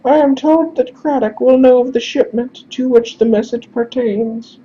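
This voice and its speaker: A man voicing a high-voiced, anxious and overly courteous male messenger in a game, in a dull lo-fi recording with faint hiss. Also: moderate pace, mellow. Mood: pleading courtesy.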